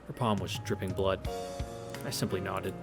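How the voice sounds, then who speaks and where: A man streaming a visual novel reads it aloud in a deep, steady voice at a moderate pace. Game music plays behind him as he tosses in casual, irreverent and profane asides.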